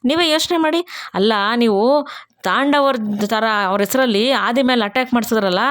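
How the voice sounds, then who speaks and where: A woman voicing a gentle young wife who pleads with and then reproaches her aunt in a retold serial story. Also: fairly high pitch, moderate pace, close to an everyday voice. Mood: reproachful pleading. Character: young heroine, gentle wife turned accuser.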